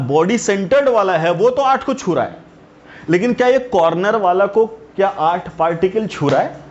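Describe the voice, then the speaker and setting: A male teacher giving a lecture, who keeps checking with his students and calls them "beta". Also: high voice. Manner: keeps asking the students questions. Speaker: chemistry teacher. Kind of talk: classroom lecture. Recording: dull lo-fi recording, faint hiss.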